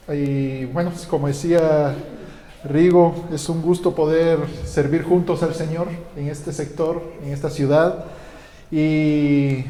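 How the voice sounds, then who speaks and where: With a fairly high pitch and warm tone, a Guatemalan pastor talks through his sermon conversationally, frequently restarting and using fillers. The setting is a church hall whose echo creates long reverb.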